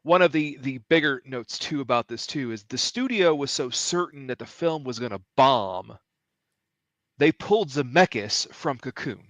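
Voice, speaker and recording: A man's voice: mid-range voice, expressive, moderate pace, fairly bright tone, dry recording. Male podcast co-host, stuffy from allergies, dry close mic, chatty trivia storyteller. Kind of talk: casual chat.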